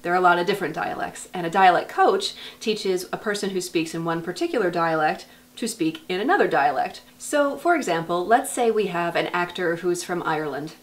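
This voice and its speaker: An American woman, a dialect coach, explaining clearly and patiently with examples. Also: on the low side, lively intonation, a little fast, few pauses. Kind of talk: explanatory teaching to camera.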